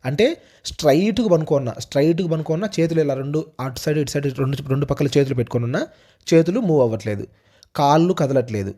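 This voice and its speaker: A young man recounts his own eerie night in a relaxed, unhurried retelling, circling back over details and restarting phrases. His voice sits a bit high for a man yet sounds soft and mellow. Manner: casual, repetitive retelling with hesitant restarts. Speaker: storyteller host. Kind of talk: first-person ghost story narration.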